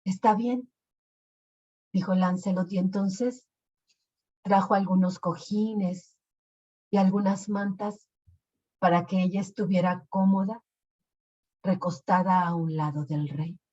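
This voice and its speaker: A woman telling a legend in an expressive storytelling voice. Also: fairly low pitch. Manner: slow, expressive. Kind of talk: storytelling narration. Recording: lo-fi recording.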